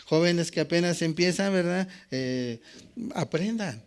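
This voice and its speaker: Older male pastor, Mexican accent, slightly high, smooth and clear, repetitive call-and-response preaching. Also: measured pace. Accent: Mexican Spanish. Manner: peppers phrases with questioning "¿verdad?". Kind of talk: sermon.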